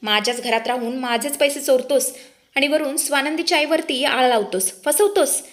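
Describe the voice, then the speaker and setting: A woman's voice: sits high, moderate pace, close to an everyday voice. A woman reading out the lines of an angry son-in-law in a family drama recap, with a stern, scolding manner. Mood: furious.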